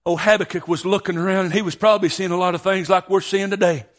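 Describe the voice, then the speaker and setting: A man preaching a sermon, stammering and filling his pauses with "uh" and "amen". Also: sits high, steady tone. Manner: stammering, punctuated by frequent amens.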